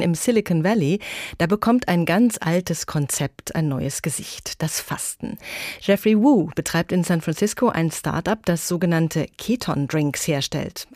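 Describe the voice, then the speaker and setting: A woman's voice: lowish voice, darkish tone, no room sound, studio quality. A woman presenting a radio magazine from a script.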